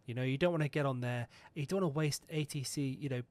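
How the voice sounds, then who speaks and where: Here a man in the middle pitch range talks fast, his voice a little mellow. As host of a flight simulator video, he chats and rambles through the pre-flight checklist, occasionally swearing and poking fun at himself.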